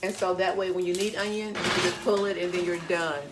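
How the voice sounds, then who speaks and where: A woman's voice: lowish voice, flat delivery, brisk, noisy background. A woman chatting casually in her home kitchen, giving down-to-earth cooking advice while she works. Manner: chatty, gives direct homey advice.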